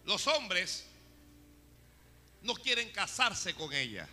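A male preacher delivers an animated sermon and talks straight to his congregation. His voice sits high and sounds very bright. It rings out in a church hall with a long echo, and faint music plays in the background. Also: slow pace.

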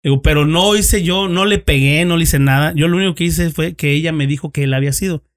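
Man, Mexican accent, slightly high voice, ex-police investigator, casual storytelling, crude slang, acts out dialogue. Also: fast talker. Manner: slangy, swears freely, acts out both sides of dialogue. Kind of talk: casual storytelling among friends.

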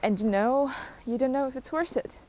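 A woman's voice: high-pitched, fairly quick, mellow. A young adult woman hosting a podcast, rambling through a casual solo rant, mocking herself and laughing often. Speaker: podcast host.

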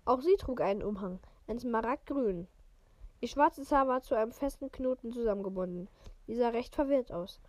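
A woman's voice: on the high side, expressive, moderate pace, a little mellow, dry recording. A woman casually reading a book aloud for her viewers, often stumbling, correcting herself and chatting in between. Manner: stumbles and self-corrects, chatty asides to listeners. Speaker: reader of an audiobook for viewers.

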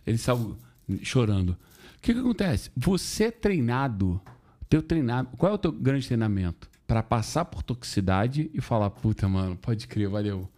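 A man's voice: mid-range voice, normal speed. A man telling stories in a casual podcast chat, full of slang and swearing, acting out quoted voices. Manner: animated storytelling with slang and swearing.

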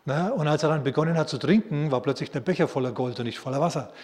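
A man preaching a sermon as a pastor, telling stories in a lively way and acting out quotes. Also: on the high side, fast. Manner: lively storytelling with acted quotes. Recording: long reverb of a large hall.

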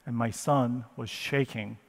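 A man preaching as a dramatic first-person retelling of a Bible story. He speaks slowly and with emotion, telling it as the father in the story. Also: mid-range voice, fairly even intonation, big-room sound.

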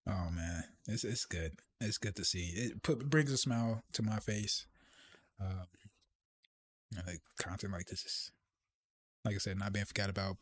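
A man co-hosting a podcast in casual chat, relaxed and rambling, laughing often. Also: on the low side, husky. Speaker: podcast co-host.

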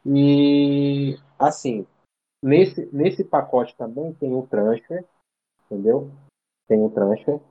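A man's voice: medium pitch, takes it slowly, muffled recording. A man from Brazil in casual interview chat, telling a story in a slangy, rambling way full of fillers and restarts. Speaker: interview guest. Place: living abroad in Ireland.

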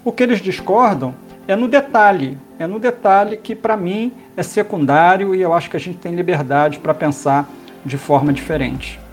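A man, a pastor, calmly explaining theology in a podcast conversation, pausing often with fillers. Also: sits high, faint music behind. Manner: explanatory, measured, with many fillers.

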